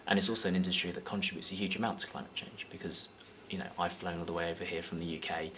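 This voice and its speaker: A man's voice: low-pitched, steady tone, very fast, bright, forceful tone, a little hiss or hum. A young man from the UK with an English accent, answering interview questions with a lot of hesitation and filler. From United Kingdom. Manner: hesitant, many fillers and restarts. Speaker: guest.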